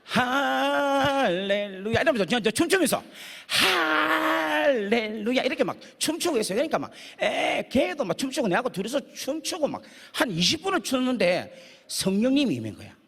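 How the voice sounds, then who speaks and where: Animated pastor in a reverberant hall. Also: male voice, very high voice, fast, creaky, slightly rough. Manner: lively storyteller who acts out dialogue and sings snatches. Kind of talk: animated sermon storytelling.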